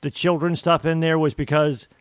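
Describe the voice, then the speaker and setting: A man's voice: a little high, flat delivery, normal speed, smooth, dry recording. A man co-hosting a podcast, chatting casually and emphatically about a TV series. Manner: emphatic, restarts mid-sentence. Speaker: podcast co-host. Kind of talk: casual discussion.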